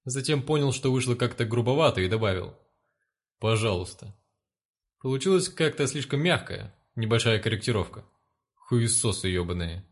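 A man's voice: medium pitch, lively intonation, fairly quick. Crude, sardonic male storyteller. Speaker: narrator. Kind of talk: first-person story narration.

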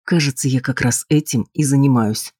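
A man voicing a cool, patronizing husband, husky in tone and dismissive in manner. He stays in his own register, recorded close and dry, like an audiobook reading. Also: medium pitch, normal speed, a little mellow, no echo, natural voice. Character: cold, condescending husband, adult man.

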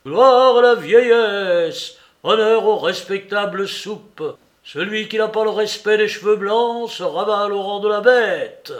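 A man reading an audiobook, voicing a pompous male neighbor who declaims through the wall in mock-solemn shouts. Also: high-pitched, takes it slowly, few pauses, pitched above the performer's own voice. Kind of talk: audiobook character voice.

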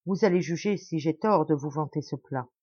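A woman's voice: sits low, moderate pace, darkish tone, no echo, lo-fi sound. A woman doing a pompous, lavish old lord. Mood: grand, coaxing. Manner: grand, insistent, coaxing.

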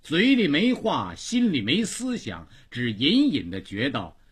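A man with a Beijing accent telling a long story for radio in a dramatic, expressive narrating style. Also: a little high, unhurried, breathy edge.

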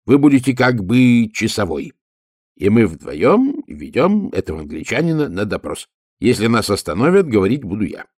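A man doing a loyal male servant, calm, matter-of-fact, lowish voice, dry sound. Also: moderate pace, dry recording. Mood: calm, practical.

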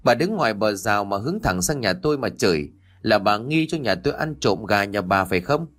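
A man's voice: fairly low pitch, lively intonation, a little fast, fairly bright tone. A man playing a tired, hot-tempered village fisherman who snaps bluntly at a noisy neighbor, over faint background music. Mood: angry. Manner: angry, blunt retorts.

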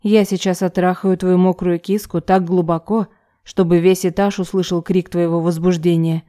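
A pushy, domineering young man mutters in a husky, breathy voice close to the ear, as a woman reader puts him on. The tone stays soft and mellow rather than harsh, his words coming low and unhurried. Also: little pitch movement, close to an everyday voice. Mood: husky insistent. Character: forceful domineering young man, hoarse with desire.

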